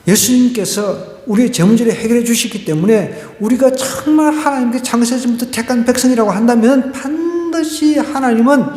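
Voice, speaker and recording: A man's voice: extremely high pitch, normal speed, few pauses, darkish tone. A male pastor preaching an expository sermon at a Friday prayer meeting, emphatic, with rhetorical questions and vivid sound words. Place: church sanctuary. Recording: echoey church hall with long reverb.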